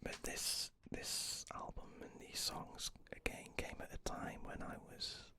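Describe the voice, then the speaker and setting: A man speaking in a close, ear-to-ear unvoiced whisper, rambling casually for ASMR with hesitant asides. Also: unhurried. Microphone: close ear-to-ear ASMR microphone.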